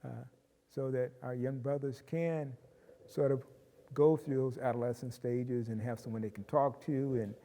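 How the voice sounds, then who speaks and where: A man speaking in a measured, explanatory way with frequent pauses, in a reflective group discussion. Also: mid-range voice, fairly even intonation, dark tone, in a large hall. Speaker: discussion panelist.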